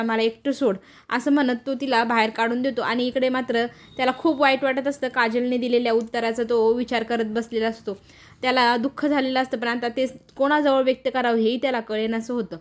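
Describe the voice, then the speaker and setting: A woman briskly retelling a TV serial episode as a story, slipping into the characters' quoted lines as she goes. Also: on the high side. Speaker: serial recap narrator.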